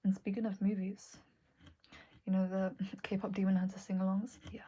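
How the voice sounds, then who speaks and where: A young woman talking candidly to camera at her desk, soft and halting, often dropping to a whisper. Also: medium pitch, little pitch movement, dull audio, a little hiss or hum. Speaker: vlogger. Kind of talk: candid personal talk to camera. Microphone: earbud mic.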